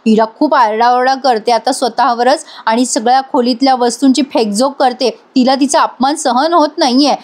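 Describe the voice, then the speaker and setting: Woman reviewer, high voice, chatty voice-over recap addressing viewers. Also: fairly even intonation, normal speed, hardly any pauses. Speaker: TV episode reviewer.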